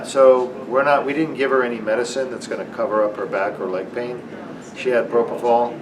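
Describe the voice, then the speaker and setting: An American man, a surgeon, casually interviewing a patient and explaining things in an informal way. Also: mid-range voice. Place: surgery center recovery area, indoors. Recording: distant mic, clear room noise.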